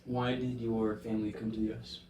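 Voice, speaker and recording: A man's voice: lowish voice, level tone, brisk, mellow, echoey room, recorded from a distance, slight background noise, low-quality recording. A man interviewing a guest with brief, plain questions.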